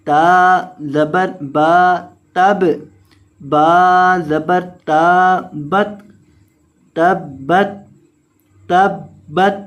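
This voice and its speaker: A man teaching tajweed, spelling out letters and vowel marks and repeating the words of the verse. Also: high-pitched. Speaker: Quran teacher. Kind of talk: tajweed lesson with recitation.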